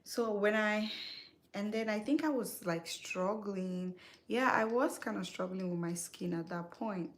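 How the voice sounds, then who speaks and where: A young woman from Cameroon tells a story to her viewers in a relaxed, chatty way. She circles back, repeats words, restarts and corrects herself as she goes. Her pitch sits in a middle range. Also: unhurried. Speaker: skincare vlogger. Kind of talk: casual storytelling while doing makeup.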